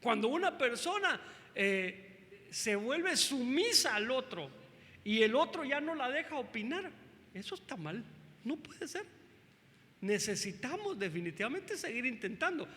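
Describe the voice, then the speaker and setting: Male pastor, high bright voice, preaching emphatically, long hall echo. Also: unhurried. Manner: emphatic, animated preaching with questions to the congregation. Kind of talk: family service preaching.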